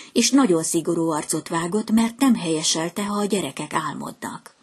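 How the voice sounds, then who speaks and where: Low, breathy woman telling a fairy tale. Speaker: storyteller. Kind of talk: reading a fairy tale aloud.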